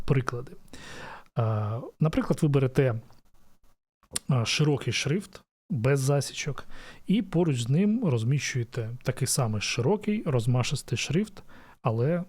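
A design educator with a medium-pitched, dark voice explains a design topic in a casual lesson. He thinks aloud thoughtfully, with many "e" fillers and frequent restarts.

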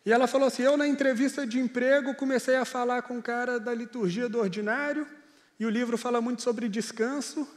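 A man's voice: very high voice, steady tone, a little fast, long reverb tail. A male pastor preaching a sermon in an earnest, conversational storytelling manner.

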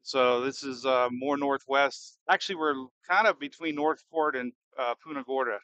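A man giving casual, excitable live storm-chasing commentary, thinking aloud and firing off questions as he drives. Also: medium pitch, normal speed, no room sound, highs cut off. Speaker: storm chaser and livestream host. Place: inside a moving car in a storm.

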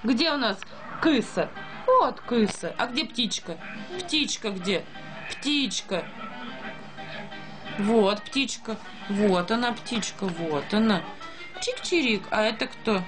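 A woman's voice: fairly high pitch, expressive, slow, long pauses, over music. A woman reading and singing to a toddler, in a sing-song, child-directed way with simple repeated questions and animal sounds. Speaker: mother. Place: dim room at home. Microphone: handheld phone nearby.

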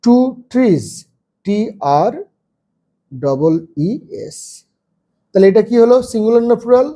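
A man teaching a first-grade English lesson, spelling words out slowly letter by letter. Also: high voice, expressive, mellow.

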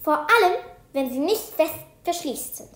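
Woman doing a strict storybook teacher, scolding, loud, high, echoey room. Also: animated, unhurried. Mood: stern. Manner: stern, raised scolding voice. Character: strict female schoolteacher, quick to scold. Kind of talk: storybook reading. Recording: roomy echo.

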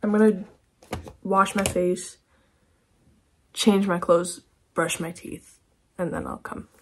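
A young woman chatting casually through a get-ready-with-me vlog at home, laughing often and slipping into soft whispers. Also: lowish voice, steady tone, slow pace, a little hiss or hum. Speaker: beauty vlogger.

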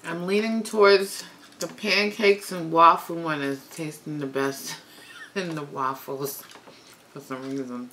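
Eating-show host, woman, lowish voice, mouth full, faint hiss behind. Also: steady tone, sharp tone. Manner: slow, halting talk between bites. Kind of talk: casual eating vlog chat.

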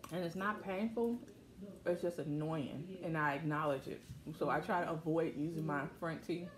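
A woman vlogger chatting casually on an eating show while chewing her food, musing and relaxed. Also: low voice, moderate pace, reverberant, a crowd in the background. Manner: relaxed, musing, talks between bites. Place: home.

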